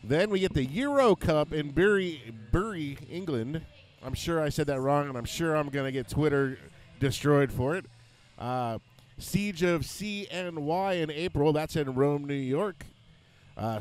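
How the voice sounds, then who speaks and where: A man announcing a roller derby tournament, joking as he rattles off lists of events and scores. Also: on the high side. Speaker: play-by-play announcer.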